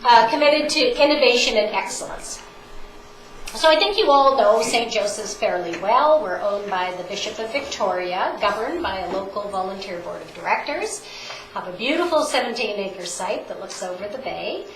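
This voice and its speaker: A woman's voice: medium pitch, lively intonation, moderate pace. A woman executive with a cold, her voice stuffy and congested, presenting plans to a town council with many ums and uhs. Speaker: hospital president and CEO. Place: council chamber. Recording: echoey chamber with room noise.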